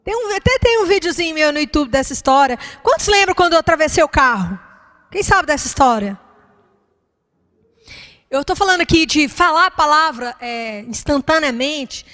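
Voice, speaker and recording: A woman's voice: high voice, animated, moderate pace, fairly bright tone. A woman pastor, preaching a fervent sermon and calling out to the congregation.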